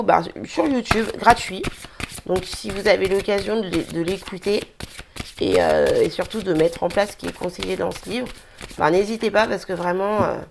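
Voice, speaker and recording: A woman's voice: mid-range voice, creaky. Chatty woman reading tarot cards. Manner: chatty, hesitant with many fillers. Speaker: tarot card reader. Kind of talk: casual daily card reading.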